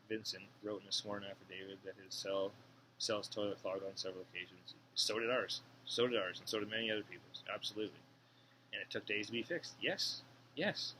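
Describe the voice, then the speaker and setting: Blunt, profane man, deep bright voice. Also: slight background noise, rough recording. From Canada. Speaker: former inmate reading and commenting on an article. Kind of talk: casual monologue, reading aloud with commentary.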